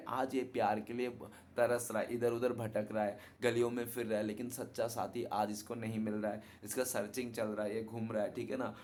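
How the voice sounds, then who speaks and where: Over slight background noise, a man with a medium-pitched, slightly mellow voice offers his viewers a laid-back tarot reading. He talks in a chatty way and keeps checking understanding with the tag "ठीक है ना".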